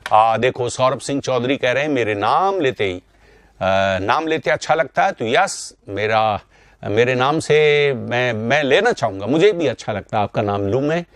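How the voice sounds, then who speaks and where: A man's voice: medium pitch, lively intonation, a little slow, no echo. A middle-aged man teaching Hindi grammar in a live online class, greeting students by name and explaining through repeated examples.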